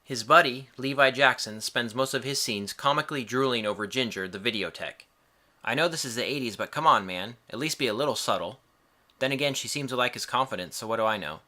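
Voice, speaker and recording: A man's voice: medium pitch, a little fast, bright, forceful tone. A man reading a scripted film review in a casual way, with wry, joking asides.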